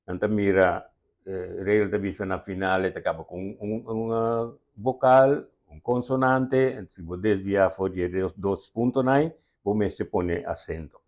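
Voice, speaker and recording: A man's voice: deep voice, steady tone, measured pace, darkish tone, dull audio. A man with a Curaçaoan accent, a language expert patiently explaining spelling rules step by step in an interview.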